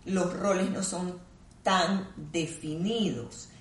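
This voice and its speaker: A woman clinical psychologist speaks in a low, calm voice and explains ideas in a measured, teacherly way. Her voice is picked up from some distance, and the room adds a noticeable echo. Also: a little hiss or hum. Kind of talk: explanatory conversation. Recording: roomy sound from a distant mic.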